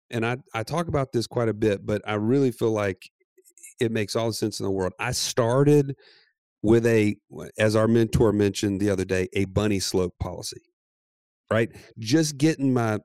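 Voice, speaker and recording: Male co-host, gravelly voice, animated casual storyteller, dry studio sound. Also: on the low side, no echo. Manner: animated storyteller, laughs often. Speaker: podcast co-host. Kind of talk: casual chat.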